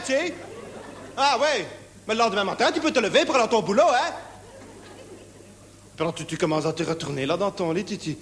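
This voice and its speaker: A man's voice: high-pitched, fairly bright tone, long reverb tail, a little hiss or hum. A man playing a jittery insomniac with a Belgian accent. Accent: Belgian French. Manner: fidgety, rambling, full of verbal tics. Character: nervous naive lonely insomniac man. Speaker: stage comedian. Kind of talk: one-man stage show. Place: theatre stage with live audience.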